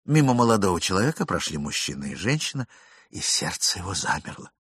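Husky male storyteller, dry sound. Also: low-pitched, sing-song, fast talker, a bit bright, dry recording. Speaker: narrator. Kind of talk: storybook reading.

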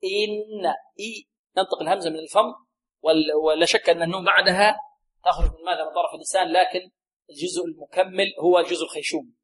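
A man teaching Quran recitation rules, often asking a question and answering it himself, and slowly repeating words to show how to say them. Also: high voice, fairly even intonation, fairly bright tone. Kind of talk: tajweed lesson with call-and-response questions.

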